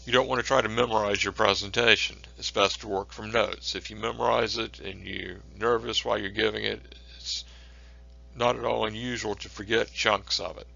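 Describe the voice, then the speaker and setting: Male instructor, lower pitch, bright forceful tone, measured delivery with fillers. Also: fairly even intonation, vocal fry. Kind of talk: recorded lecture. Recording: dull lo-fi recording.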